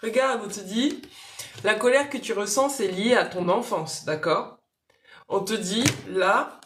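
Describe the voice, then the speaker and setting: A woman's voice: fairly high pitch, echoey room, slight background noise. A woman giving spiritual readings on a casual live stream, speaking directly and coaxingly to viewers by name.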